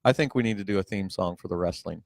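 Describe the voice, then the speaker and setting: A man co-hosting a casual studio chat, easygoing and quick with an aside. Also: deep voice, vocal fry. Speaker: co-host.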